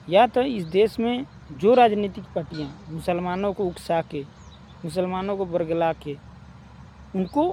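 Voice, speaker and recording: A man's voice: high voice, a little mellow, slight background noise. A man giving spoken opinion commentary, arguing his point with rhetorical questions and repeated phrases. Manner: argumentative, asks rhetorical questions; repeats points, addresses listeners as brothers. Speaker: opinion vlogger.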